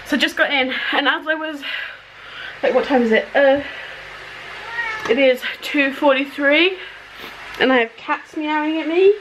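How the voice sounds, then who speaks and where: A young woman, talking to the camera at home in a casual daily vlog, chatty and excitable with many fillers. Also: high voice, measured pace, long pauses, noisy background. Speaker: vlogger. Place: at home indoors.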